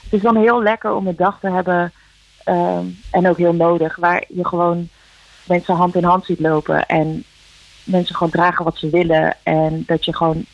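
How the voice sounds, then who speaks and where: A woman, a musician guest, talking earnestly and reflectively in halting phrases, heard over a phone line in a radio interview. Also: fairly low pitch, flat delivery. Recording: dull dry phone line.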